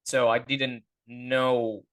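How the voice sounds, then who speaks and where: A man, a voice teacher being interviewed, talking casually and often pausing to search for words. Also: mid-range voice, level tone, a bit bright. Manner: hesitant, searching for words, many fillers. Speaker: guest voice teacher.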